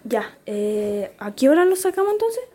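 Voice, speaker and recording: A woman's voice: high-pitched, sing-song, moderate pace, dark tone. A teenage girl with a Chilean accent, co-hosting a casual podcast and telling stories with frequent laughter. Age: teens. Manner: chatty, laughs often, storytelling. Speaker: podcast co-host. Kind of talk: casual chat.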